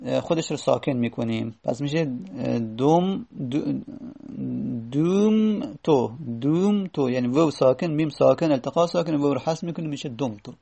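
A man teaching a grammar lesson, explaining each step and repeating words slowly and drawn out. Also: medium pitch, gravelly, dark tone. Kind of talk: classroom lesson.

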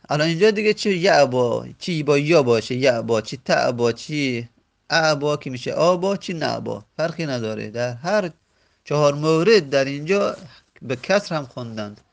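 A man teaching an Arabic grammar lesson, reciting verb forms slowly and repeating them, pausing often and correcting himself. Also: medium pitch. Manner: slow, repetitive recitation of word forms; self-correcting, with frequent pauses.

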